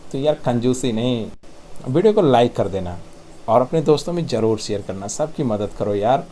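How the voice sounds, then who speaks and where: A man, patiently explaining English sounds on slides and repeating them slowly. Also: medium pitch, darkish tone, slight background noise. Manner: patient, repeats sounds slowly, says "thik hai" often. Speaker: English pronunciation teacher. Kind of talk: tutorial explanation.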